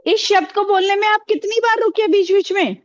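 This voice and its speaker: A woman's voice: extremely high pitch, a little fast, dull audio. A woman teaching a classroom, asking the pupils questions and repeating their answers with encouragement.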